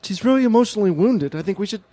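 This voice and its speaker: A man's voice: high voice, expressive, very fast, dark tone. A man in an improvised comedy scene, talking earnestly and rambling with many restarts.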